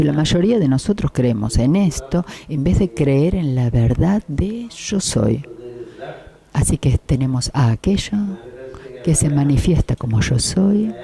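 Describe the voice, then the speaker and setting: A man teaches a spiritual lecture at a very slow, unhurried pace. His voice is deep, dark and mellow, yet sits a little above the usual pitch for a man. He pauses often, restarts words and repeats key phrases. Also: gravelly.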